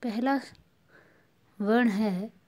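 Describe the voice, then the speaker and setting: A woman's voice: a little high, drawn-out words, mellow. A woman teacher giving a patient lesson to children, drilling sounds by repeating syllables again and again. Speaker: school teacher.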